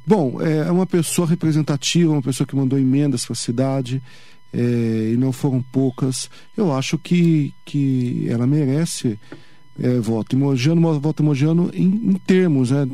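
Mellow-voiced Brazilian councilman on radio. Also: medium pitch, no echo, faint music behind. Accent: Brazilian Portuguese. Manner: measured, explanatory, with hesitations. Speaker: city councilman, studio guest. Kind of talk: radio interview. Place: radio studio.

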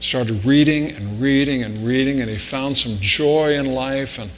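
Bright-voiced preacher in a reverberant hall. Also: male voice, mid-range voice, measured pace. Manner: conversational preaching with anecdotes, rising emphasis on key points. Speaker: pastor. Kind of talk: sermon. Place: church sanctuary. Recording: reverberant hall with mains hum.

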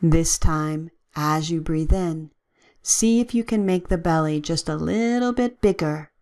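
A woman with a low-sitting voice leads a guided relaxation, giving gentle, soothing, measured instructions with long pauses.

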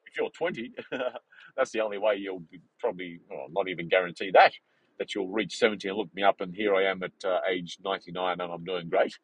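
A man in his forties hosting a podcast, talking in a rambling, animated way with many fillers and restarts. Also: deep voice, a little fast, slightly rough, poor audio. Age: 40s. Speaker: podcast host. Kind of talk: casual unscripted monologue.

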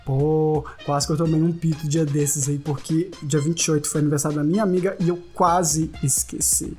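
A man's voice: moderate pace, faint music behind. Playful, chatty podcast host, a man. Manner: animated, playful, slangy, jumps between high and low pitch. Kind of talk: casual chat reading listener comments.

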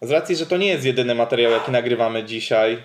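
A man's voice: medium pitch, noisy background. Hesitant man wrapping up a podcast. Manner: hesitant, many fillers, measured. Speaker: podcast co-host. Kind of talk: casual podcast chat.

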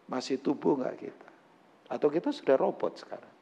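A man preaching a sermon to his congregation, animated and joking, acting out quotes. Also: mid-range voice, fairly quick, vocal fry, husky, big-room sound, muffled recording. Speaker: pastor. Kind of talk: lively sermon.

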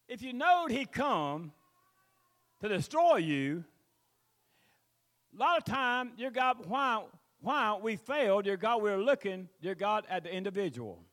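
Male country pastor, high-pitched, Southern US drawl, folksy rambling sermon delivery with drawn-out scripture. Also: very animated, a bit bright. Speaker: pastor preaching to his congregation. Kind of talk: sermon, mixing scripture reading with plain exhortation.

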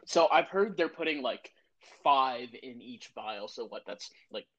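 A man co-hosting a casual podcast, animated, repeating his words at restarts and swearing casually. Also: mid-range voice, measured pace, lo-fi sound. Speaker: podcast co-host. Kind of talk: casual chat.

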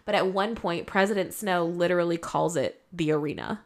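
A woman's voice: on the low side, fairly quick. Chatty woman podcast co-host. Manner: animated, lots of fillers and asides. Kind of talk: casual chat.

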